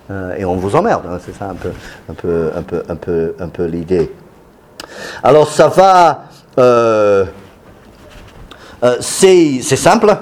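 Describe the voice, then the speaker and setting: Guy lecturing on punk, lots of ums and restarts, stop-start delivery. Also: medium pitch. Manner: hesitant, many fillers and restarts. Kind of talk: explanatory talk.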